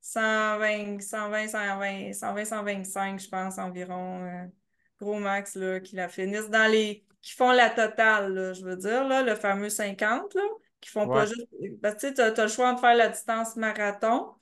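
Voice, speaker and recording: A woman's voice: mid-range voice, unhurried. A young adult woman with a Québécois French accent, telling race stories as a podcast guest, laughing often. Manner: animated storytelling, laughs often, many fillers. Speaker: podcast guest, ultra trail runner. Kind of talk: casual interview chat.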